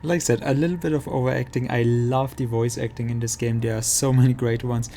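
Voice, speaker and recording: A man giving casual gameplay commentary as a streamer, halting as he thinks aloud. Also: mid-range voice, steady tone, warm tone, slight background noise. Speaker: game streamer. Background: game music.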